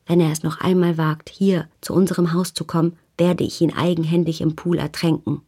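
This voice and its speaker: A woman's voice: deep voice, little pitch movement, a little fast, dark tone, husky. A woman reading a proud, scornful woman. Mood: furious. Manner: scornful, tightly controlled. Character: proud angry woman in a fur coat, defiant.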